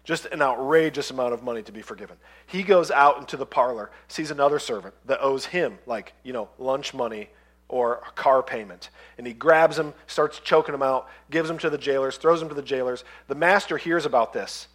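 A man's voice: medium pitch, a little fast, fairly bright tone. A male pastor preaching a sermon in a conversational way, retelling parables and acting out the voices of the characters. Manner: conversational, acts out voices in stories.

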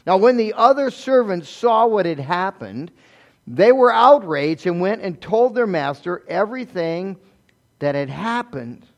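A man preaching a sermon in a conversational way, asking rhetorical questions and moving between loud emphasis and soft, low asides. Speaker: pastor.

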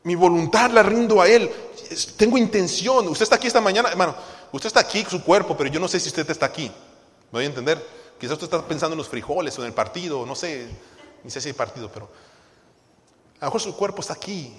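A man's voice: a little high, animated, quick pace, fairly bright tone. A male pastor, preaching a sermon and emphatically questioning the congregation in church. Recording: long reverb of a church hall.

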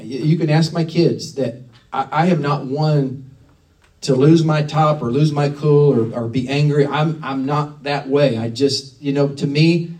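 A man's voice: on the high side, darkish tone, far from the mic, rough recording. A middle-aged man preaching a sermon in a conversational, emphatic way, often restarting his phrases.

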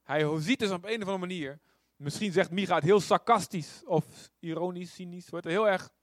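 A man with a fairly high voice preaches in a relaxed, conversational way. He keeps asking his listeners rhetorical questions and tells the story with animation. The sound is dry and close. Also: moderate pace, no echo. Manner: informal, asks rhetorical questions; animated storytelling with acted quotes. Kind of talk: conversational sermon.

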